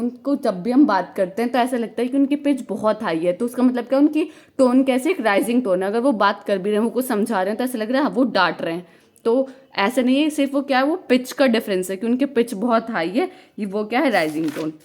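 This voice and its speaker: A woman's voice: a little high, darkish tone. Woman teacher explaining notes. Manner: reads English notes slowly, then explains in Hindi; frequent rhetorical questions and fillers. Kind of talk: exam-prep lecture in Hindi mixed with English.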